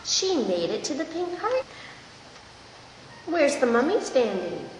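Woman, child speech therapist, slow exaggerated modelling, encouraging prompts, echoey room, noticeable background noise. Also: high-pitched, big pitch swings. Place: indoors at a table in a hard-walled room.

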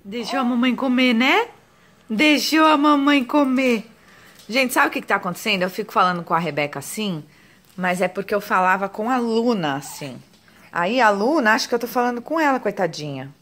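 A woman's voice: medium pitch, sing-song, brisk, fairly bright tone. A young woman vlogging at home and talking doting baby talk to her daughter. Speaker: vlogger and mother. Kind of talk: casual home vlog.

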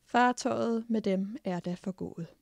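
A plain-spoken ditch-digger's wife, put on by a woman reading a storybook who talks about hard news flatly and bluntly. Her voice is dark and gravelly, a little breathy. The sound is close and dry. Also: medium pitch, no room sound. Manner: outspoken, matter-of-fact. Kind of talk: audiobook character voice.

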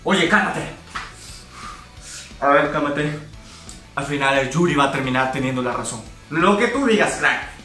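A man's voice: on the high side, unhurried, pauses often, bright, forceful tone, roomy sound, recorded from a distance, faint music behind. A young man doing sarcastic, comedic anime commentary, arguing with himself and swearing. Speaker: reaction commentator.

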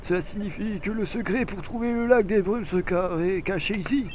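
A man's voice: high voice, moderate pace, slight background noise, natural voice. A man voicing a curious male creature explorer in a video game, reading its lines with wonder and frequent hesitations. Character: curious male Pokémon partner, eager explorer. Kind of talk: dramatic reading of game dialogue.

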